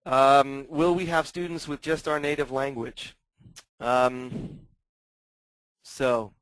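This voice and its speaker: A man in his fifties, born into a German family and raised in the US, hosts a Q&A webinar for a coaching pilot. His mid-range voice is hesitant, full of ums and restarts, in a dry, rough recording.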